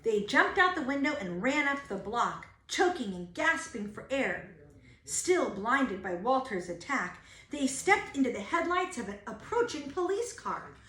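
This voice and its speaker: Slow-paced, high-voiced woman reading a storybook. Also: very animated, fairly bright tone. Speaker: teacher reading a picture book. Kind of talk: storybook read-aloud. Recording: roomy, echoing home-style recording.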